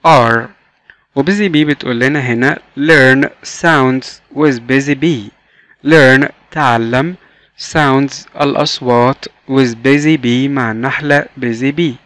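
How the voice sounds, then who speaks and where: A man with an Egyptian Arabic accent teaching English to young children, repeating each word slowly three times. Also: medium pitch, fairly bright tone, clean tone, no echo. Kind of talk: slow classroom lesson.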